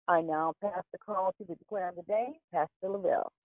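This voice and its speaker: A woman reading scripted announcements and scripture in a formal, measured way as hostess of a phone prayer call. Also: on the low side, fairly even intonation. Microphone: telephone. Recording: tinny phone conference line, roomy echo.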